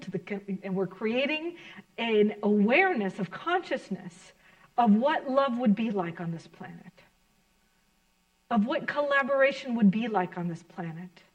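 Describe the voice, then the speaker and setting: A woman minister giving a sermon to her congregation in an earnest, reflective, gently encouraging way. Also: on the high side, lo-fi sound.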